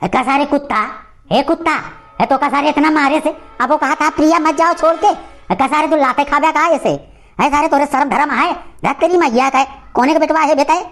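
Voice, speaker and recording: A woman voicing an angry old male village uncle in an animated cartoon comedy, ranting and scolding in an Awadhi accent. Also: high voice, fairly quick. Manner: loud scolding, cursing rant.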